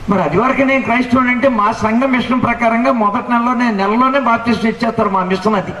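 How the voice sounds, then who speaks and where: Elderly male preacher in his 70s, high voice, rhythmic rhyming sermon, recorded from a distance in a reverberant hall. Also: fairly even intonation, quick pace, a bit bright. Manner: rhythmic rhyming lists, rising to exclamations. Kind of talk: sermon testimony. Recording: echoey hall, mic at a distance.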